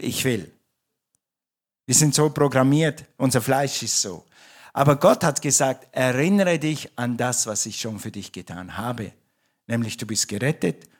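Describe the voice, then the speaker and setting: A man's voice: mid-range voice, normal speed. German man preaching a sermon. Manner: conversational preaching with restarts and self-corrections. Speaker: pastor. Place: church.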